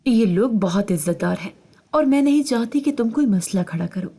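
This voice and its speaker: A nervous wife with something to hide pleads in a hushed, mellow voice, read by a woman storyteller. Her delivery is soft and urgent in a storybook reading. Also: a little high, lively intonation. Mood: pleading.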